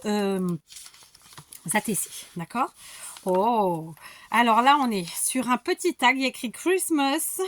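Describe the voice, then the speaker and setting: A middle-aged woman with a high voice walks through handmade crafts she has received, gushing over every detail. She laughs at herself along the way. The sound is close and dry, with no room echo. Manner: enthusiastic, gushing, self-mocking. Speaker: scrapbooking channel host. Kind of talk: casual show-and-tell of received crafts.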